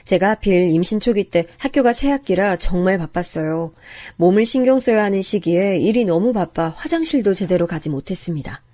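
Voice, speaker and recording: A woman tells a first-person story in a calm, confiding voice at an even pace. Her tone is mellow and soft, with a mid-range pitch. She narrates steadily, like a bedtime radio reading. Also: fairly quick.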